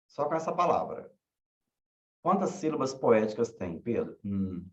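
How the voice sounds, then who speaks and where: A man teaching a class, asking questions slowly and repeating key words. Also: mid-range voice, sing-song, a little mellow. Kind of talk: online class lecture. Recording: echoey room, dull lo-fi sound.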